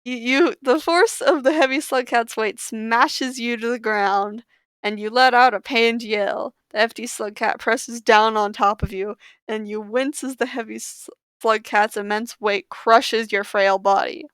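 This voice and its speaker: A woman's voice: on the high side, steady tone, measured pace, fairly bright tone, clean tone, no echo. Giggly woman reading through a game. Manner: giggly, playful asides. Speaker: gamer. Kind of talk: playing and reading aloud a text game.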